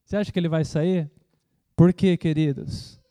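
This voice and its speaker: A man's voice: on the high side, fairly even intonation, normal speed. A man preaching a sermon, often asking the congregation rhetorical questions and calling for amens. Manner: preaching with frequent rhetorical questions and calls of amen; acts out loud shouting prayers as a mock imitation. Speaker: pastor.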